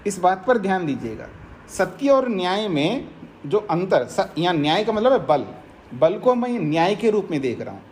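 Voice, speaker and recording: A male swami from India delivers a scripture discourse in a lively, rising and falling voice. He drives each point home through repetition and everyday examples, with a faint hum of room ambience behind him. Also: high voice, moderate pace. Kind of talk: spiritual discourse.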